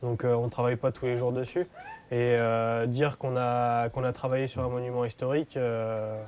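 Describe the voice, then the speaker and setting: A man's voice: mid-range voice, little pitch movement, moderate pace, darkish tone, slight background noise. A man in his twenties, an apprentice stonemason, giving short, hesitant answers with many fillers in an outdoor interview. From western France. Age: 20s. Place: outdoors by a church.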